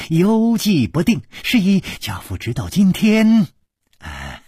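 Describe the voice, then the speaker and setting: A suave young nobleman, as a male storyteller puts him on, polite and soft with a quietly calculating ease. His husky voice rises and falls freely, and the sound is dry and close. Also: lowish voice, no room sound, voice pushed down, heavily acted. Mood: sighing.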